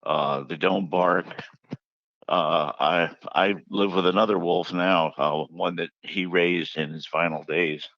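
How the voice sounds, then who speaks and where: A man with a very low voice tells his stories in a chatty, anecdotal way and acts out the quotes as he goes. The sound is dull and muffled, close and dry. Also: steady tone, slow pace, no echo. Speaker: author interviewed about his book. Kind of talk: casual interview storytelling.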